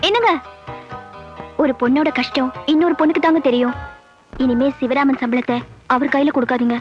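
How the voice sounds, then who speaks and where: An actress playing a shrewd, bossy housewife in a comedy film, coaxing and giving orders. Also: female voice, high-pitched, fairly quick, natural voice. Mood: pleading. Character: shrewd, scheming middle-aged housewife. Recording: dull film soundtrack, faint music.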